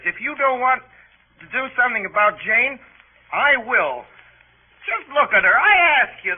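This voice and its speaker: A man's voice: very high voice, narrow, tinny audio. An actor playing a pompous, easily outraged teenage boy who talks in a lofty, fussy way, in 1940s radio acting. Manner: lofty, fussy, indignant complaining. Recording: scratchy old radio broadcast.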